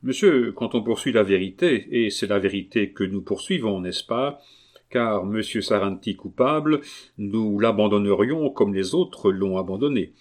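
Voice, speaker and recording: A man reading a novel aloud, voicing an earnest, persuasive gentleman who speaks in a calm, measured way. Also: on the low side, close to an everyday voice. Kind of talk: audiobook reading.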